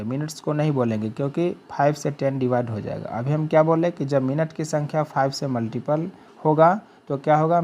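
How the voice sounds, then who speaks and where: Male tutor, slide voice-over; measured explainer, pauses to check understanding, drawls example phrases. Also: fairly high pitch, darkish tone. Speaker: teacher. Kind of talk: spoken English lesson for Hindi speakers.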